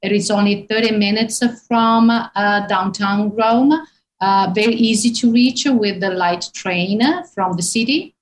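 A woman in her fifties with an Italian accent talks through an interview, stopping often on "uh" and "um" as she searches for English words. Her voice sits at an ordinary middle pitch, and her delivery is easygoing. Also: steady tone, measured pace, low-quality recording. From northern Italy. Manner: hesitant, many fillers. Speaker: tour guide guest. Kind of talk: interview on a call.

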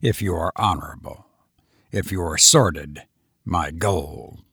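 A man reading the lines of a mysterious, testy old gentleman suitor who speaks dryly and commandingly, recorded close and dry. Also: lowish voice, animated, takes it slowly, no echo, heavily acted.

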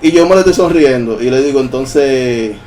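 A man in casual chat telling a paranormal experience in lively storytelling. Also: fairly high pitch, quick pace. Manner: animated, acts out his own dialogue. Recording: distant mic with faint music.

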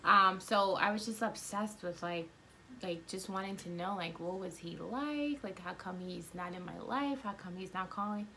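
A woman's voice: medium pitch, moderate pace, pushed and bright, a little hiss or hum. A woman from Guyana in her thirties, talking candidly and rambling with lots of fillers in a casual podcast chat.

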